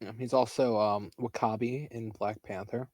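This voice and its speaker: A man's voice: on the low side, steady tone, unhurried, a little mellow, no echo. A young man co-hosting a podcast, chatting casually with dry, laid-back quips. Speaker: podcast co-host. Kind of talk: casual chat.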